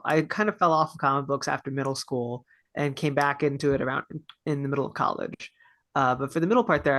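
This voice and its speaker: Picture a twenty-three-year-old man from Texas, talking through his answers on a podcast in an earnest, reflective way. His voice sits at an ordinary pitch for a man, and the sound is close and dry, with hardly any room around it. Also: a bit bright, dry recording. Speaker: podcast guest. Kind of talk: casual interview chat.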